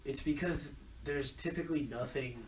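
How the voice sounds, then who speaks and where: A man's voice: a little high, normal speed, noisy background. Rambling young man, echoey far mic. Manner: rambling storyteller with frequent fillers. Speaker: podcast co-host. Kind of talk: casual chat.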